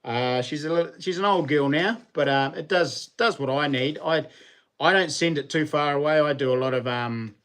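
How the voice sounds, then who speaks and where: A man's voice: fairly high pitch, normal speed, fairly bright tone. A man with a New Zealand accent hosting a livestream, talking to viewers in an informal, rambling, slangy way. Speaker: livestream host. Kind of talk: casual livestream chat with viewers.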